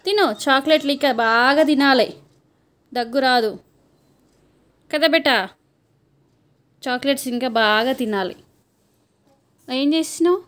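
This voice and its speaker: A woman's voice: high voice, measured pace, long pauses, a bit bright, smooth. A mother with a Telangana Telugu accent filming her toddler at home on a phone, coaxing and teasing the child in playful sing-song baby talk. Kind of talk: home video chatter with a small child.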